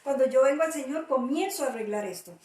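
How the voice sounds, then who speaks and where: High-voiced emphatic woman preacher, roomy. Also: animated, fast, mellow. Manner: emphatic, repeats key phrases. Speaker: pastor. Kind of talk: preaching talk. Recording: roomy audio from a distant mic.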